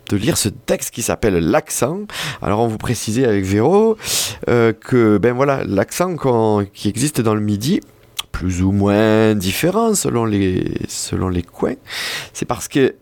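A man's voice: on the low side, sing-song, measured pace, darkish tone, dry recording. A man explaining language points, hesitant and full of fillers and restarts. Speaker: co-presenter explaining the Occitan language. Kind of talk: reading aloud and casual explanation.

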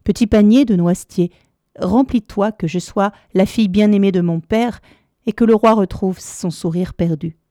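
Gentle fairy-tale princess, read by a woman, soft and kind, dry close sound. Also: medium pitch, normal speed, no room sound, lightly acted.

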